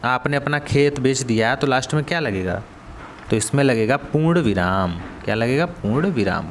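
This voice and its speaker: A man's voice: medium pitch, animated, moderate pace, slight background noise. A male coaching teacher with a Hindi accent going through exam questions. He asks the students, then answers and repeats the key words. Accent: Hindi, Varanasi region.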